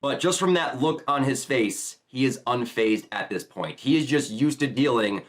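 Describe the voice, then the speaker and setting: Male YouTuber, enthusiastic casual reaction commentary, mid-pitched and animated. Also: normal speed. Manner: enthusiastic, chatty. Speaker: YouTuber reacting to a manga chapter.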